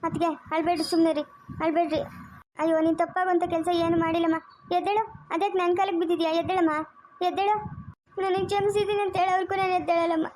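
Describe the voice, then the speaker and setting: A woman's voice: very high-pitched, level tone, fast talker, darkish tone, slight background noise. A woman with a Chikkaballapur Kannada accent, acting as a rural woman in a family drama, scolding and pleading with emotion.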